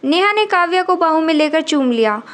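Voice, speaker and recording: A woman narrates a scripted story in a steady, measured reading voice. Her pitch sits high. She tells it plainly, without much show.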